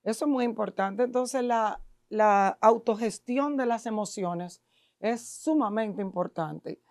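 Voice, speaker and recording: A woman's voice: on the high side, measured pace, a little mellow, no echo, studio quality. A middle-aged woman with a Dominican accent, a guest expert explaining emotions in an emphatic, lecturing way full of rhetorical questions. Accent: Dominican Spanish. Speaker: guest expert in neuro-linguistic programming. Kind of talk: podcast interview explaining to an audience.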